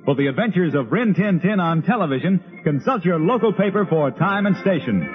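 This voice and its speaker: A man's voice: sits high, animated, a little fast, narrow, tinny audio, over music. A man announcing in the style of an old-time radio announcer on a vintage broadcast recording.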